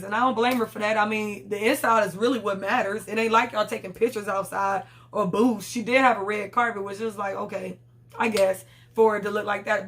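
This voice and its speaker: A woman's voice: a little high, a bit bright. Blunt, profane woman recapping a reality show. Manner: candid, blunt, profane, rambling.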